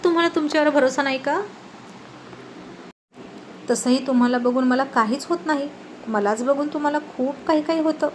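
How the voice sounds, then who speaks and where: A shrill young wife , put on by a woman narrator whines and teases in a high, bright voice. She is scatterbrained and cheeky, quick to scold. It sounds like a storybook told aloud, with faint noise behind. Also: natural voice. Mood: teasing. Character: clumsy, chatty young wife, scolding and playful.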